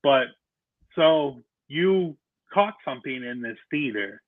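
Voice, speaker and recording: A man's voice: medium pitch, animated, slow, dry recording. Chatty man on a tinny line. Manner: chatty, rambling with restarts. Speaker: podcast host. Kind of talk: casual chat. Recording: tinny phone-line sound, dry.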